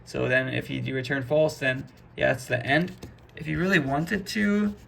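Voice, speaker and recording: A man explains code in a loose, conversational tutoring style, walking through each step and dropping the odd "boom." His voice has a gravelly texture with a bright, forward tone, and a faint hiss of room noise sits under it. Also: moderate pace. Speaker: programming instructor. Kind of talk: casual screen-recorded coding lesson.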